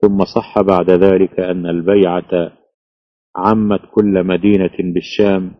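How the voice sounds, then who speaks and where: A man reading a classical text aloud in a slow, measured, even recitation. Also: low voice, no echo. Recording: dull lo-fi, dry.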